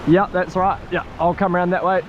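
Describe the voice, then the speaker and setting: A man with a broad New Zealand accent hosting a casual fishing vlog from a rocky coast in a slangy, excitable, matey way. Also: high voice, fairly quick, lo-fi sound. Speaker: fishing show host. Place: outdoors on a rocky coastal ledge. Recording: noisy outdoors with sea and surf. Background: waves and surf.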